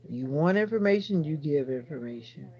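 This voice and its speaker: A woman's voice: sits low, lively intonation, moderate pace, a little mellow, lo-fi sound. A woman hosting a casual livestream from her phone, chatting straight to viewers and answering their comments with rambling asides. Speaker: livestream host.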